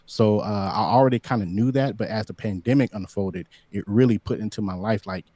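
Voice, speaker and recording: Lively talkative man in his thirties. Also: lowish voice, a little fast, dry recording. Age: 30s. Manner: animated, preachy, lots of "you know what I'm saying". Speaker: guest. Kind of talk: casual livestream interview. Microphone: streaming setup under bright lights.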